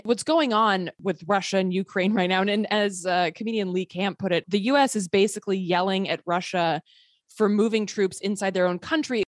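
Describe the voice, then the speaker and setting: In this political interview, the guest is a filmmaker, a woman partly raised in Sweden, whose medium-pitched delivery is both sarcastic and passionate. The studio sound is clean, with no audible room.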